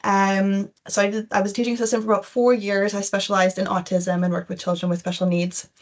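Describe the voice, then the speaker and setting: A young adult woman with a Canadian accent hosts an informal webinar as an education recruitment consultant. She speaks quickly with a flat delivery in a medium-pitched voice, chatting in a loosely phrased way.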